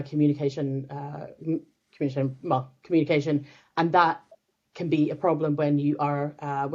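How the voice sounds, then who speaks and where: A native Finnish speaker from Finland, this woman has a low, slightly mellow voice and talks thoughtfully as a guest expert in a casual interview, with many restarts and fillers. The recording sounds dull and lo-fi.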